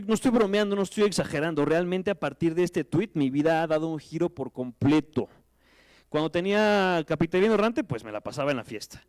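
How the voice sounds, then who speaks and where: Mexican man telling an animated story. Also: on the high side, no echo. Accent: Mexican Spanish. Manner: animated storytelling, self-mocking, slangy. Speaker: guest speaker. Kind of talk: conference talk. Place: lecture hall with audience.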